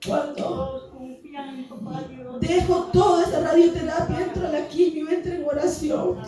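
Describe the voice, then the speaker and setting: A woman's voice: very high-pitched, fairly even intonation, unhurried. A woman giving an earnest, fervent testimony to a church congregation, calling them brothers. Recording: echoey church hall, distant mic, music behind.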